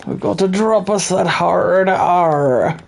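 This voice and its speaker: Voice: mid-range voice, takes it slowly, gravelly. A gamer giving dry, understated commentary while playing a video game. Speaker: let's play gamer. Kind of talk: casual gameplay commentary.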